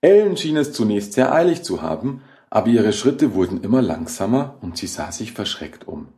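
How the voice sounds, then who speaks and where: A man narrates a horror short story with a low, dark, mellow voice. His delivery is measured and dramatic, and his pitch moves expressively. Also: big pitch swings. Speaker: audiobook narrator.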